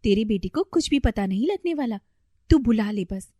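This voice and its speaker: A woman's voice: fairly high pitch, animated, moderate pace, mellow, no echo. A woman voicing a gossipy, superstitious middle-aged female neighbor in a storybook tale who talks in a confiding, advising way. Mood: conspiratorial.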